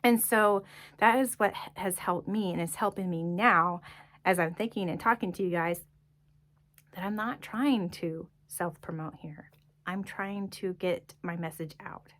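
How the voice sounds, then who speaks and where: A woman's voice: fairly low pitch, a little slow, a bit bright. Earnest woman sharing her faith testimony. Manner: earnest, unscripted, full of fillers. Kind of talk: casual testimony monologue.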